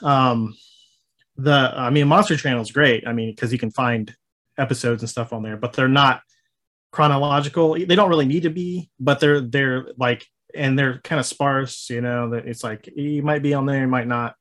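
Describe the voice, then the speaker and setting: A man talking casually as an interview guest, halting and rambling, with frequent chuckles. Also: mid-range voice, fairly bright tone. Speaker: interview guest, maker of a horror host show.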